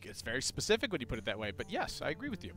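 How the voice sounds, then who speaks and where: A young male co-caster who talks fast in a bright, lively voice. He breaks down deck lineups with quick deadpan jokes, and faint music runs behind him. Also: mid-range voice. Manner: quick, joking, deadpan asides. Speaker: esports co-caster. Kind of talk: tournament commentary.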